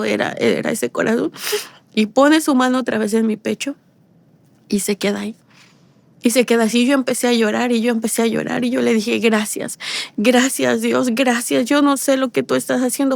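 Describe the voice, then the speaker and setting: In an interview, a woman with a medium-pitched voice and vocal fry gives an emotional personal testimony. She repeats phrases and restarts often, halting and pleading tearfully. There's no room sound.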